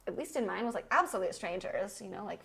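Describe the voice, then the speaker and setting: A woman speaks in a relaxed, conversational way, with a gravelly fry running through her voice. She is frank and animated and slips into quoting her own inner thoughts as she talks. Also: mid-range voice, quick pace, rough recording. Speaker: podcast host. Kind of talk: casual conversation.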